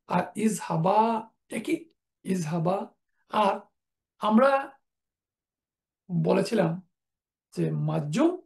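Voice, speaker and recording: Woman teacher going thru arabic verb forms one by one, slide lecture, steady and methodical. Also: medium pitch, vocal fry. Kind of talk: online lecture over slides.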